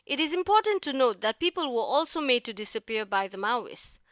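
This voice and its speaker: A woman from Nepal co-hosting a podcast, giving measured, scripted narration. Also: fairly high pitch, sing-song, a bit bright, no echo. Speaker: podcast co-host.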